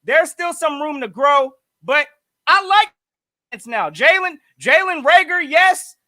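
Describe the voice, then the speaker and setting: High, bright-voiced man hyping football. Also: sing-song, a little slow, no room sound. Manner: emphatic, hyped. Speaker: podcast co-host. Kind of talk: casual sports talk.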